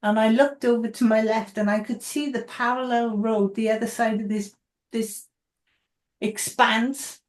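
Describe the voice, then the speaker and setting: A woman facilitating a casual conversation, telling stories in an excitable way, recorded in an echoey room. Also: a little high, unhurried. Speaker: group facilitator.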